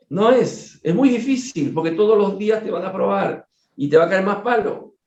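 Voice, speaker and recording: A man leading a study group, animated, repeating words and acting out little dialogues. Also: sits high, measured pace. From Peru. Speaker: spiritist study leader. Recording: echoey room, dull lo-fi sound.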